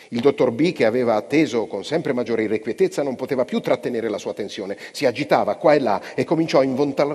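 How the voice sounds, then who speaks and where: A man narrating a novella aloud in an expressive, dramatic way, live on stage in a large hall. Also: medium pitch, husky. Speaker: reader. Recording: long hall reverb.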